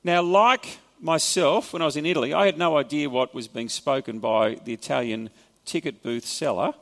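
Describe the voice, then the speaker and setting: A male pastor with an Australian accent delivers a sermon in a church hall, talking through scripture in a conversational way with wry asides. He speaks at a moderate pace in a gravelly voice on the high side, and the room leaves a long reverb tail.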